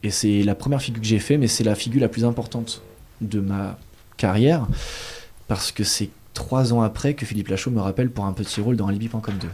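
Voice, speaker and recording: A young man in his twenties from France, telling his story as a guest in a casual interview, lively and full of fillers. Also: fairly low pitch, a little fast. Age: 20s. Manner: chatty, animated storytelling with fillers. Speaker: guest actor.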